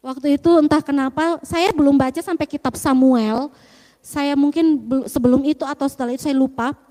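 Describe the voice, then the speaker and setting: A woman giving a halting, earnest faith testimony, often quoting her own prayers. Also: sits high, steady tone, dark tone, big-room sound.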